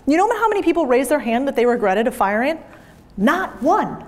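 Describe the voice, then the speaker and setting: A woman's voice: high-pitched, very animated, brisk. Blunt, emphatic woman speaking on stage. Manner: blunt, emphatic, swears freely. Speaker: business speaker. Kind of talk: motivational stage talk to a live audience. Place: event room with audience.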